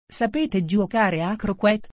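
A woman's voice: mid-range voice, expressive, takes it slowly, no echo, studio quality. A barking, furious queen, voiced by a woman narrator. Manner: barking, commanding. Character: furious tyrannical queen, woman, shouting orders.

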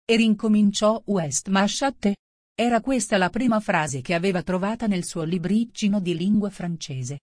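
A woman's voice: mid-range voice, moderate pace, a little mellow, dry recording, clean studio sound. Woman reading a storybook aloud. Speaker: narrator.

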